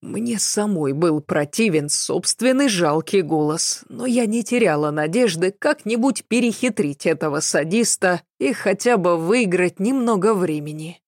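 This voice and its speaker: A woman reading a first-person story as an audiobook narrator, in a measured, even storytelling delivery. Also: lowish voice, no echo, studio quality.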